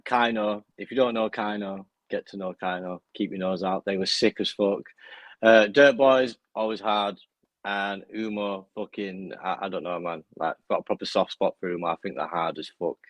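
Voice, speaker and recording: A young man from Bradford speaks in a low voice with a strong West Yorkshire accent. His casual storytelling is laddish and full of slang and swearing, and the sound is dry and close. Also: fairly even intonation, moderate pace, dry recording. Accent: strong Bradford, West Yorkshire English. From Bradford, northern England. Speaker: interview guest, music performer. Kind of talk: casual chat, telling stories.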